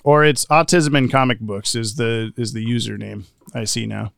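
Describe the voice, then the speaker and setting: Sex: male. Role: podcast co-host. Style: casual, playful chat, reading out comments. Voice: smooth and resonant, medium pitch. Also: steady tone, moderate pace, fairly bright tone, no room sound, clean studio sound. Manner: playful, laughs often.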